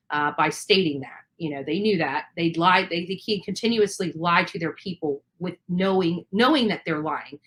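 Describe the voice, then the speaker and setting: A woman with a lowish, slightly bright voice hosts an informal live stream about a true crime case. She speaks emphatically with an aggrieved edge, repeating phrases to drive her point home.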